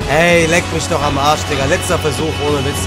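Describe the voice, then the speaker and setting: A man's voice: a little high, steady tone, a little fast. A man in his twenties giving exasperated, sweary gaming commentary full of street slang, close to the microphone in a room at home. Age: 20s. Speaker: let's play gamer. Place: small indoor room at home. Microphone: large microphone close to the mouth, headset. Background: game music and sound.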